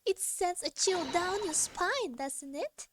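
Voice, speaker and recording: A woman's voice: very high voice, lively intonation, takes it slowly, background noise, pitched above the performer's own voice, full character voice. A woman voicing an earnest young male lawyer in a video game with a put-on British accent, delivered theatrically.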